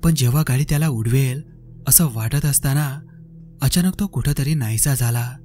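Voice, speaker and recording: Man, horror story narration, measured, suspenseful, mellow voice, faint background music. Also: medium pitch.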